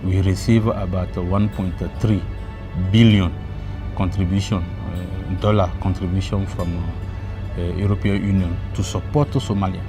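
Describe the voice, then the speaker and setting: Male official interviewee, low register, halting non-native delivery, over music. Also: little pitch movement. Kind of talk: unscripted interview remarks. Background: prominent music.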